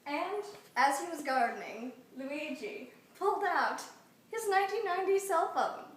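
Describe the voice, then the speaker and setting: With a very high-pitched, animated voice and a slightly slow pace, a woman improvises a casual comic story, rambling and adding offhand asides. The recording is from a distant mic in an echoey room with faint noise.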